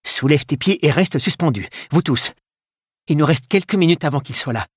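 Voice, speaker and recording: A man voicing a practical male monk cook, giving clear orders in a husky voice. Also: mid-range voice, rapid-fire, dry recording, clean studio sound, voice pushed up, lightly acted. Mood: commanding. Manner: commanding, less pompous, giving orders.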